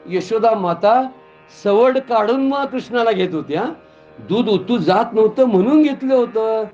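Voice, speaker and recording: A man preaching a devotional story sermon in a temple, animated and full of rhetorical questions. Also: sits high, a little slow, dull audio, soft background music. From Kolhapur, Maharashtra. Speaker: Bhagavat katha preacher. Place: temple gathering.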